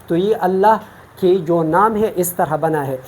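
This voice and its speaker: A woman's voice: fairly low pitch, darkish tone, a little hiss or hum. A woman from Pakistan teaching Quran recitation in an online lesson, explaining each rule patiently, step by step.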